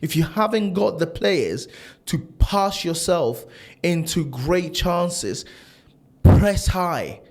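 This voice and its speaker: A man born and raised in Italy, a football fan vlogger, ranting in a casual, animated and frustrated way, full of restarts and rhetorical questions. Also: high voice, slow, vocal fry, slight background noise. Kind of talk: casual opinion rant to camera.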